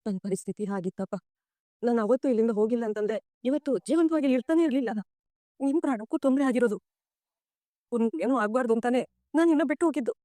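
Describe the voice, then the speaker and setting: An actress playing a sorrowful, tender middle-aged mother in a TV serial, speaking softly and pleadingly. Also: a little high, animated, fast, no room sound, clean studio sound, natural voice. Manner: soft, pleading, tearful at times. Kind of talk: TV serial acting.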